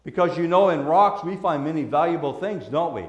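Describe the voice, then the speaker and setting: A man preaching a children's sermon as a pastor, gentle and patient like a Sunday school teacher, using simple words and questions. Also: a little high, animated, a little fast, highs cut off. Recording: echoey room.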